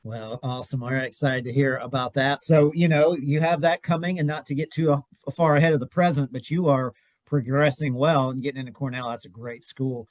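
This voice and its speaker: A man's voice: mid-range voice, fairly even intonation, a little fast, a little mellow, no echo. A man hosting a podcast interview, friendly and encouraging with hesitant fillers. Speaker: podcast host.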